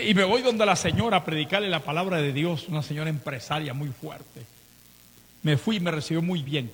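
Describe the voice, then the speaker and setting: A male pastor with a Nicaraguan accent preaching a sermon, telling stories with swings in pitch and volume. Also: slightly rough. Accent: Nicaraguan Spanish. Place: church. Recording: reverberant church hall.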